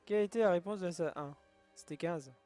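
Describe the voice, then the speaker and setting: A man's voice: sits high, a little fast, warm tone, faint music behind. A man doing casual let's play commentary, thinking aloud, often laughing. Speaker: gaming youtuber.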